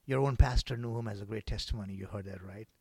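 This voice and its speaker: A man preaching a sermon in a church, swinging between loud exclamations and soft whispered passages. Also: fairly low pitch, quick pace, vocal fry, breathy edge, no echo. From Canada. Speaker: guest preacher.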